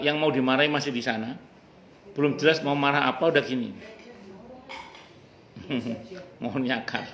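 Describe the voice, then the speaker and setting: A man's voice: medium pitch, gravelly, fairly bright tone. A male religious teacher giving a casual, joking study talk at a home gathering, sometimes reciting Arabic verses. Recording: roomy home recording with faint ambience.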